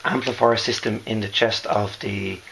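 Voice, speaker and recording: A hoarse man who is losing his voice gives a casual, halting show-and-tell as a maker, often correcting himself. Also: fairly low pitch, steady tone, fairly bright tone, slight background noise, rough recording. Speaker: costume maker presenting a build.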